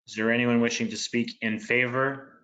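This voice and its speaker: A man chairing a municipal council meeting in a flat, monotone way, reading items and calling votes. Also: mid-range voice, moderate pace, lo-fi sound, slight background noise. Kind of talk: formal meeting procedure.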